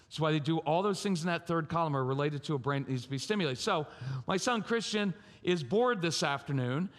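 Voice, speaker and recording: A man giving a lively, humorous talk at a parenting conference, speaking straight to the audience. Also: a little high, a little fast. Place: large church or conference hall. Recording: reverberant conference hall.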